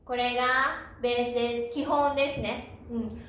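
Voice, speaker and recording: A woman teaching a pronunciation lesson, who says each syllable slowly and clearly and fills pauses with a soft "un". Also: on the high side, fairly even intonation, a little hiss or hum. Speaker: Japanese teacher. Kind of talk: slow, deliberate pronunciation lesson. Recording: very echoey room.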